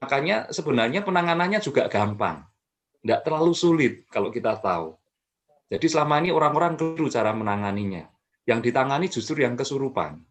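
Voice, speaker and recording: A man speaking at a middle pitch explains things in a calm, patient way. He often pauses with fillers and restarts his sentences. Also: faint music behind. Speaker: mental health expert guest. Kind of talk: explanatory talk.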